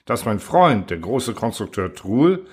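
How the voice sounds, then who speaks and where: A sly, gleeful male robot constructor, as a man reads him aloud in a storybook. He coaxes and mocks with cheerful cruelty, his voice pitched up and swinging freely. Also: big pitch swings, unhurried, darkish tone, breathy edge, heavily acted. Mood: gloating.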